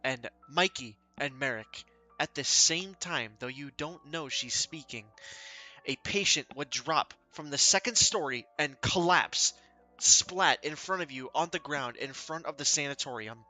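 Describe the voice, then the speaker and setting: Energetic man narrating action as game master. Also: on the high side, a little slow, faint music behind.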